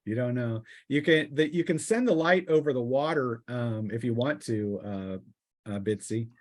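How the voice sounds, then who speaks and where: Here a man narrates as game master of a tabletop RPG, inventing the scene as he goes and pausing haltingly mid-sentence. His medium-pitched voice is a little mellow.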